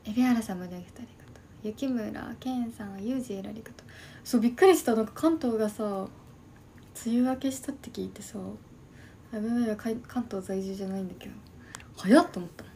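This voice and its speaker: Woman in her early 20s, casual live-stream chat, soft half-whispered delivery, mellow tone, streaming from home. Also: a little high, brisk, slight background noise. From Shimane, Japan. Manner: soft, quiet, often half-whispered talk. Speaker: livestream host. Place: at home by an open window.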